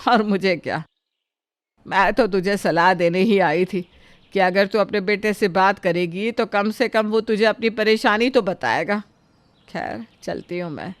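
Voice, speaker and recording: A woman's voice: medium pitch, a little slow, dry recording, lightly acted. Woman voicing a blunt, outspoken old neighbor. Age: older. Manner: outspoken, advice-giving. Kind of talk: cartoon story voice acting.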